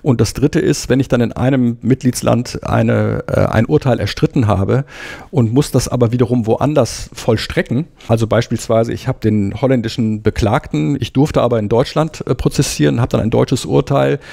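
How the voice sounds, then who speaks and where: A middle-aged man from Germany talks through his legal career in a calm, explanatory way. His voice is gravelly and dark, and he often pauses on hesitation fillers. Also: medium pitch. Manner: measured, explanatory, frequent "äh" fillers. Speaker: EU Commission lawyer, guest. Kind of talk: explanatory interview talk.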